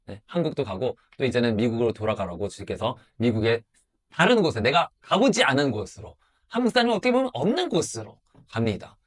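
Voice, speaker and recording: A man's voice: medium pitch, sing-song, fairly quick. A middle-aged man preaching a sermon as a pastor, emphatic and full of rhetorical questions.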